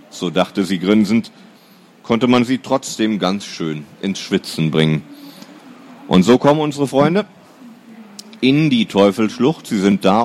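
A man narrating a children's story in a lively storytelling manner. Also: lowish voice. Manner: lively storytelling, swings between lifted and dropped tones.

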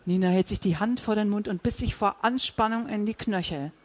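A reader narrating a crime story in an audiobook, with steady storytelling. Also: male voice, sits high, brisk. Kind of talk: scripted narration.

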